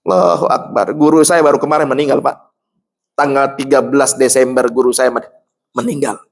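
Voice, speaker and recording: A man preaching in a mosque, swinging from low storytelling to loud exhortation and quizzing the congregation. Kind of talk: sermon.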